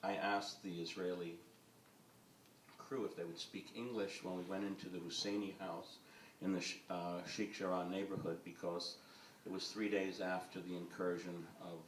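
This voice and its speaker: The speaker is a man, a film director, whose low voice holds a level tone at normal speed. On a panel in an event hall before an audience, he rambles and hesitates, full of uhs and ums, picked up by a distant mic in the roomy hall with slight background noise.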